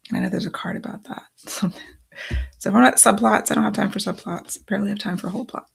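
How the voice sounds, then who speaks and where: Gravelly, husky woman thinking aloud. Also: medium pitch, fast talker. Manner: thinking aloud, reading quotes from cards. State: losing her voice. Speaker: author. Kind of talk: casual talk-through of writing process.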